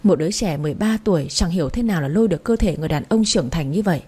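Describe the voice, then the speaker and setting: A woman narrating an audiobook story in a steady, emotive storytelling manner. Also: fairly low pitch, racing, husky.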